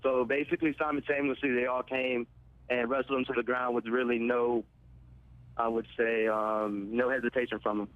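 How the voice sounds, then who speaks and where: Casting note: young male caller, mid-pitch, halting speech, tinny phone-line sound. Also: level tone. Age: 20s. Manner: hesitant, halting recollection. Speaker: student eyewitness on the phone.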